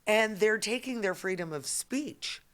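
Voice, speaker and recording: A woman's voice: mid-range voice, lively intonation, a little slow, fairly bright tone. A middle-aged woman hosting a political podcast, making emphatic points in long run-on statements. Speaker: podcast host.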